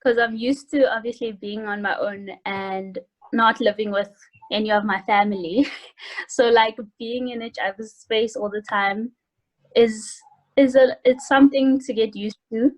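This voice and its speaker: Speaking from a home room indoors, a Johannesburg woman in her early twenties, a university student, is interviewed over a video call. She talks in a slightly high, steady, unhurried voice with a South African accent, casual and hesitant in an informal student way. The audio quality is poor.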